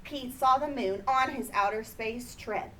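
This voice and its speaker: Reading a picture book to children, a woman stretches key words out for effect in an expressive, unhurried delivery. Her voice leans high with a fairly bright tone, captured on a distant mic with faint noise behind it.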